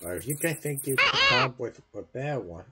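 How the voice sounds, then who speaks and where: A man's voice: mid-range voice, very animated, brisk. A man giving loose comic narration. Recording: loud music over the voice.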